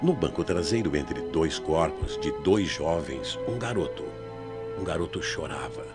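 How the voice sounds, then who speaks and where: In a 1990s AM radio drama, a Brazilian man with an extremely deep voice narrates a scripted mystery over a music bed. He builds suspense with deliberate phrasing and a highly expressive delivery.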